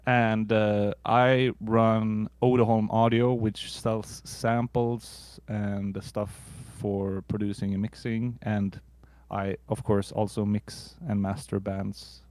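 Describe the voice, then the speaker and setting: A Swedish man in his thirties, a musician guest, chatting casually in a relaxed, halting way with casual swearing. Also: on the low side, no echo. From Sweden. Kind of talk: casual interview chat.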